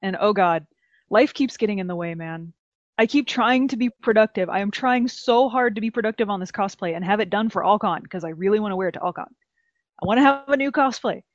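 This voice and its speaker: A woman from Texas hosting a casual podcast, chatty and animated, laughing often. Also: medium pitch, a little fast, no room sound, lo-fi sound. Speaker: podcast host.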